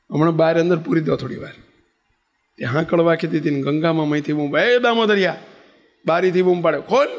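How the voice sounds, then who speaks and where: Male spiritual leader, slightly high, gravelly voice, storytelling sermon with questions to the crowd. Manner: asks the audience questions. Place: assembly hall with audience. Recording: long reverb in a large hall.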